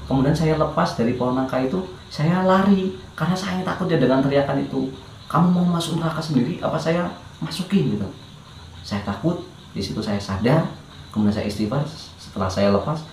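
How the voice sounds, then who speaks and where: A man's voice: on the high side, echoey room, slight background noise, poor audio. A man, a guest telling his life story in a hesitant, casual way with fillers and restarts.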